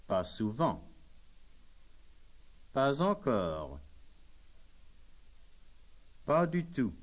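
A man reading French phrases as a language lesson drill, saying each phrase slowly and plainly. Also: medium pitch. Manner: says each phrase slowly and plainly, with pauses for the listener to repeat. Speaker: language course speaker. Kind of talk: slow, deliberate phrase drill.

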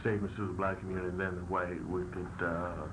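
Low-voiced man on hissy old tape. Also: flat delivery. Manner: halting, with many "uh" fillers. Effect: old worn archival tape. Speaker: political party leader being interviewed. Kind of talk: earnest political statement.

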